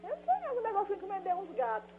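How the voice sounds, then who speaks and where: A woman fields a prank call with confused, suspicious questions. She talks fast in a very high, widely swinging voice. She comes through a thin, tinny phone line. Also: huge pitch swings, soft background music.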